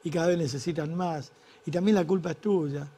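A man's voice: a little high, fairly even intonation, brisk, mellow, husky. A middle-aged man with an Argentine Rioplatense accent, telling a crude, exasperated stand-up comedy story. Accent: Argentine Rioplatense Spanish.

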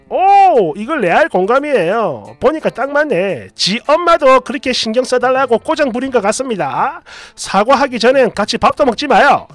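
A man's voice: very high voice, no room sound. A man reading online posts and comments aloud in a dramatized way, emotive and indignant as he acts out the quotes. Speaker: storyteller narrator.

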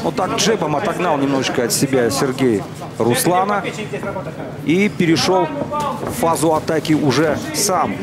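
Male boxing commentator, slightly high voice. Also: normal speed, over a noisy crowd. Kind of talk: live sports commentary, conversational.

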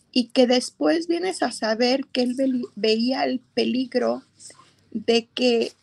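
A middle-aged woman recounting a painful personal story in a slow, halting way. Her voice sits a little high and has a gravelly, fry-laden edge. She pauses and restarts as she talks. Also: darkish tone. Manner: slow, emotional storytelling with hesitations. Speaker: interviewee. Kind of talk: personal testimony.

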